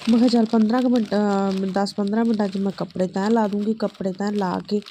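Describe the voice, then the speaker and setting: Malwai punjabi woman rambling casually about her housework for a vlog, soft dark tone. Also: mid-range voice, steady tone, fast talker, slight background noise. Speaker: family vlogger. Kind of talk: casual vlog narration of daily chores.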